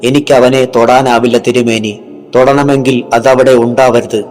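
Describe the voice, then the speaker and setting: A man's voice: medium pitch, little pitch movement, moderate pace, lightly acted. Man voicing a vengeful yakshi woman. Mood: urgent. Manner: urgent, commanding hushed speech. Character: vengeful seductive female yakshi spirit.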